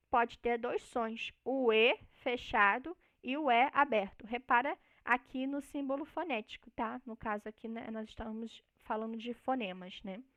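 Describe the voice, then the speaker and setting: A woman's voice: fairly high pitch, fairly bright tone, no echo. Brazilian woman teaching a linguistics lesson. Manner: explanatory, checks in with frequent tag questions. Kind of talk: recorded online lecture on linguistics.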